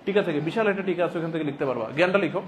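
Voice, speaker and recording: A man giving a classroom lecture as a teacher, repeating phrases deliberately for dictation and prompting students with emphatic questions. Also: fairly high pitch. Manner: repeats phrases slowly and deliberately for note-taking.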